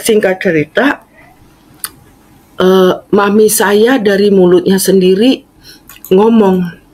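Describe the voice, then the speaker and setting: A woman's voice: mid-range voice, steady tone, a little mellow, rough recording. A middle-aged woman tells a church testimony in an earnest, storytelling way. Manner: slow, earnest storytelling with fond laughter. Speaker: former singer giving a faith testimony.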